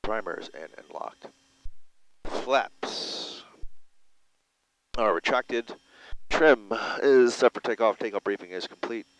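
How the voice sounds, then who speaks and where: Deep-voiced man piloting a plane. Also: slow, pauses often, low-quality recording. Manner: terse, checklist-like phrasing. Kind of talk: running commentary with checklist and radio calls. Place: small propeller plane cockpit.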